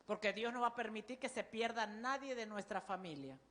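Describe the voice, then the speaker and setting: A woman pastor with a Panamanian Spanish accent, preaching a sermon in a loud, forceful voice that calls on the congregation to repeat after her. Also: a little high, brisk, in a large hall, a little hiss or hum.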